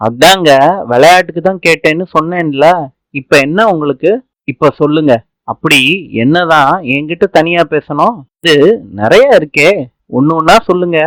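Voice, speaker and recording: Guy reading lines for a teasing young wife, bossy, kinda high voice, dry close sound. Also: moderate pace, long pauses, fairly bright tone, dry recording, natural voice. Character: cheerful young woman, playful teasing wife. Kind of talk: serial recap narration.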